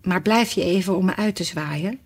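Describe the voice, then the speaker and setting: A woman reading a storybook aloud in an expressive way. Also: fairly low pitch, moderate pace, husky. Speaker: narrator.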